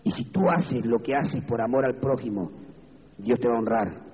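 A man with an Argentine Spanish accent preaching a lively, folksy sermon in a church hall, breaking into high shouted bursts. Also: normal speed, husky. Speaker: evangelical preacher. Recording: dull echoey hall recording.

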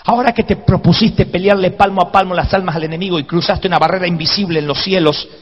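High-voiced preacher, lo-fi recording. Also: male voice, quick pace, long reverb tail. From Argentina. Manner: animated storyteller, acts out shouts and groans. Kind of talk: sermon with comic storytelling. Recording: dull lo-fi live sermon recording.

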